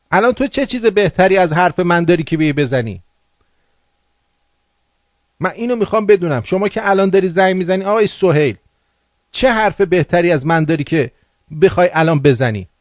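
A man's voice: high-pitched, dry recording. A man hosting a radio call-in show, scolding his listeners in a crude, angry political rant. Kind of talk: ranting political monologue. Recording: dull lo-fi dry sound.

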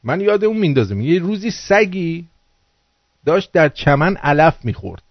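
A man's voice: on the high side, sing-song, no room sound. A man hosting a radio call-in show, scolding his listeners in a crude, angry political rant. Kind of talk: ranting political monologue. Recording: dull lo-fi dry sound.

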